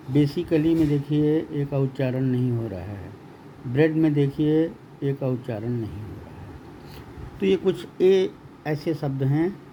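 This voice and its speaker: A man teaching an English grammar lesson, speaking slowly and deliberately and repeating words for emphasis. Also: medium pitch, dark tone. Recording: dull lo-fi sound with faint room noise.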